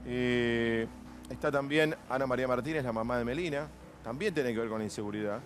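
A man hosting a TV morning talk show in a brisk, conversational way. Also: mid-range voice, soft background music.

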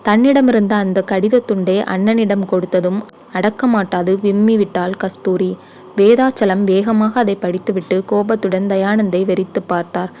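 A woman narrating a short story for an audiobook in a steady, measured way. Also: medium pitch, dull audio, slight background noise.

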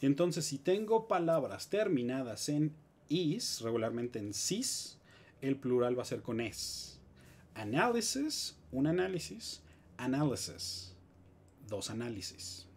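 A man with a Mexican Spanish accent, teaching English grammar in a live stream with lively explanations and joking asides. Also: medium pitch, measured pace, slight background noise.

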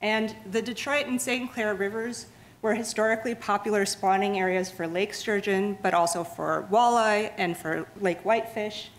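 A female museum lecturer explains science to the public in a lecture room at a moderate, steady pace, often restarting words and leaning on fillers. Her voice is medium in pitch, captured on a low-quality recording.

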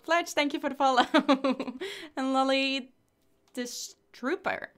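A woman's voice: high voice, steady tone, slow pace, a bit bright, soft background music. A young woman chatting casually through a game livestream, giggling often and thanking viewers as she plays.

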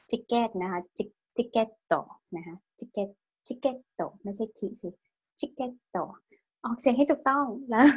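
With a mid-range, slightly rough voice, a woman teaches an online language lesson. Every phrase gets a polite tag-question particle as she patiently quizzes students and drills pronunciation.

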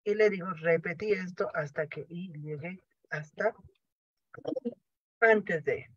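A man's voice: high voice, slow, husky, dry recording. A man teaching programming in a lecture, explaining each step and answering his own questions. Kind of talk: classroom lecture. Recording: dry, dull lo-fi sound.

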